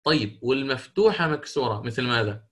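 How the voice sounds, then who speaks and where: A man's voice: medium pitch, lively intonation, fast talker, fairly bright tone. A man teaching Quran recitation rules in an interactive lesson, questioning students and correcting their answers.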